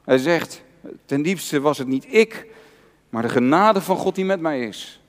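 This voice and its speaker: Earnest Dutch-speaking preacher in a reverberant church. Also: male voice, a little high, lively intonation, unhurried. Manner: earnest, personal preaching with repeated emphatic phrases. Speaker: pastor. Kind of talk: sermon. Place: church hall.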